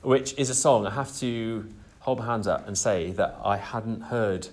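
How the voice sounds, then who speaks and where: A man's voice: on the low side, a little slow. A man hosting a casual interview, rambling with many fillers and open praise for his guest. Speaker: podcast host.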